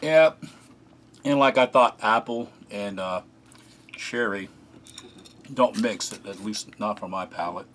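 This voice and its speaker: A man casually narrating a food taste test, relaxed and chatty, often pausing with fillers as he eats. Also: lowish voice, a little hiss or hum. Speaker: food reviewer.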